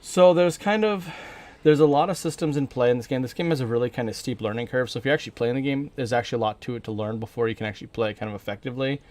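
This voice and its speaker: A man's voice: medium pitch, rapid-fire, darkish tone. American man casually commentating a game stream. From northern Minnesota, USA. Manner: rambling, informal, thinking aloud.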